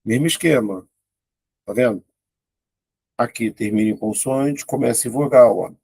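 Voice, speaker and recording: A man's voice: medium pitch, moderate pace, gravelly, darkish tone, slightly rough, dry recording. A man teaching an exam-prep grammar lesson, talking informally and thinking aloud as he works through questions. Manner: informal, thinks aloud, exclaims at tricky items. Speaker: Portuguese teacher.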